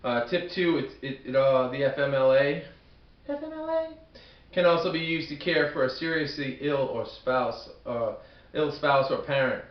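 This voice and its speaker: A man with a Brooklyn accent gives an informal amateur student presentation, halting and self-deprecating, often repeating his words. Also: medium pitch. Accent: Brooklyn, New York. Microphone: camcorder at a distance. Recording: echoey room, distant muffled camcorder microphone.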